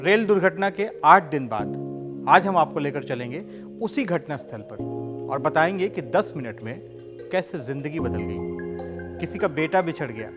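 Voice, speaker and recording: Brief: male news narrator, slightly high voice, dramatic delivery, loud music underneath. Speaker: news reporter. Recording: voice-over with loud background music.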